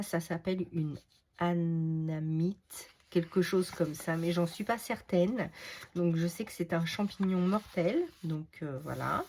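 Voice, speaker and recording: A woman hosting a casual unboxing vlog, chatty and halting, full of fillers. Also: on the low side, darkish tone, a little hiss or hum. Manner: chatty, frequent "euh" and "donc" fillers; hesitant, halting delivery. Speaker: craft video host.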